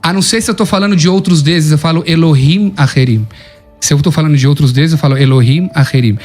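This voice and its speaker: Um homem, professor de hebraico, que explica com paciência num debate teológico. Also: male voice, on the high side, quick pace, a little mellow, soft background music. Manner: explanatory, argues patiently. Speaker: Hebrew teacher. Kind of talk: theological debate.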